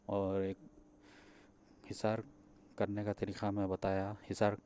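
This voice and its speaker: A man's voice: lowish voice, completely flat delivery, mellow, a little hiss or hum. A man with a Pakistani Urdu accent, a spiritual practitioner, teaching viewers a ritual step by step, repeating points and checking in often, with some hesitant fillers. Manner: repeats steps, checks in with "theek hai". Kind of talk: spoken instruction to viewers.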